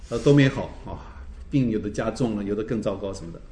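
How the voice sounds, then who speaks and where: A man, a pastor teaching a church class, telling stories in a lively way, tagging his phrases with "哈" and laughing often. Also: fairly low pitch, fast talker, slight background noise. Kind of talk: teaching a Bible class, with anecdotes. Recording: roomy echo.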